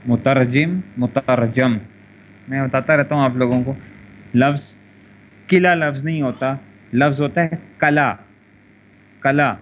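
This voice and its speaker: This is an online classroom lecture on Arabic morphology, given by a man with a mid-range voice and a Pakistani Urdu accent who keeps drilling pronunciations and verb conjugations repetitively. The audio, from an internet voice chat room, is lo-fi with faint noise.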